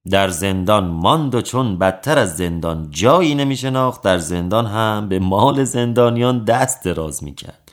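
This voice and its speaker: A man's voice: on the low side, animated, hardly any pauses. Man reading an old tale aloud. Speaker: storyteller.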